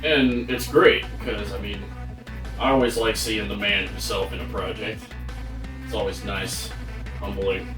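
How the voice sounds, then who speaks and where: A man's voice: lowish voice, fairly even intonation. A man co-hosting a movie podcast casually, mostly agreeing and chiming in with short remarks. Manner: agreeable, lots of quick "yeah" backchannel. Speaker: podcast co-host reviewing movies. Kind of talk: casual chat. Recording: roomy sound from a distance, faint music.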